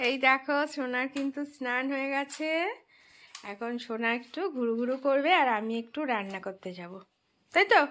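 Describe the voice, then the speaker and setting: A woman's voice: high voice, moderate pace, fairly bright tone. A young woman, a mother, chatting through her day on a home vlog and explaining each step to viewers. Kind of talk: casual home vlog narration.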